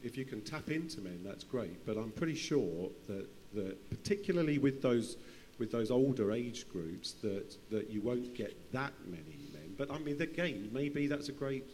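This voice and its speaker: Speaking at a normal speed, this man has an animated, medium-pitched voice with a somewhat dark tone. He's improvising on a conference panel, often circling back to repeat or restart phrases, in a large room whose audio shows hall reverb plus a faint hum and noise.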